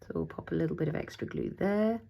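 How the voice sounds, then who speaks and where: A middle-aged woman with a low, slightly gravelly voice talks her way through a craft project at her desk. She thinks aloud, chats to her materials and now and then slips into a breathy near-whisper. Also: fast, highs cut off. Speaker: craft tutorial host. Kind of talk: casual crafting tutorial, talking while working.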